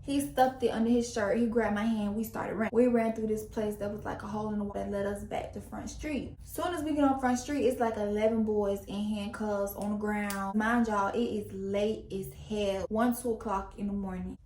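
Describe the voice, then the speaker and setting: A woman's voice: mid-range voice, moderate pace, hardly any pauses, slight background noise. A young woman telling a story to her camera in a casual, slangy way, acting out what people said. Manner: animated, slangy, acts out quotes. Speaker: vlogger. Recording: echoey room.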